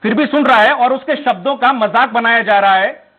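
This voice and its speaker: A man moderating a televised news debate, brisk and interjecting. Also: extremely high pitch. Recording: dull lo-fi audio.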